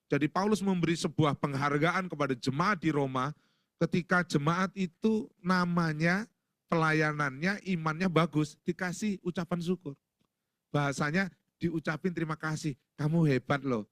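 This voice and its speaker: A man's voice: on the high side, normal speed, a bit bright, no echo, studio quality. A middle-aged male pastor preaching a sermon in a church, folksy and joking, acting out little household exchanges.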